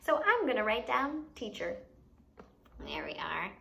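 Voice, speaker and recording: This woman's fairly high voice is gravelly yet fairly bright, very animated and unhurried. As a children's teacher and show host, she gives simple, expressive explanations and keeps asking the listener questions.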